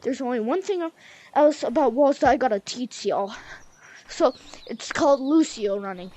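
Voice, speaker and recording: A woman's voice: high-pitched, lively intonation, moderate pace, mellow. A young woman, a bit out of breath, chatting loosely as she teaches a game move by move. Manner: chatty, loose, says y'all and like. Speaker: gaming tutorial host. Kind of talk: casual game tutorial.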